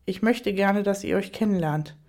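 A woman's voice: mid-range voice, normal speed, darkish tone, natural voice. A woman reading the part of a wealthy, cheating husband who pleads and placates as he is caught out. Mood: pleading. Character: wealthy cheating husband, flustered middle-aged man.

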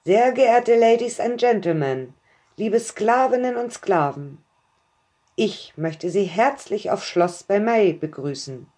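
A woman's voice: medium pitch, animated, slow, mellow, voice pushed up. A woman voicing a formal male host who welcomes his guests in an announcing manner. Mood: ceremonious. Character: formal male host of a lavish evening gathering.

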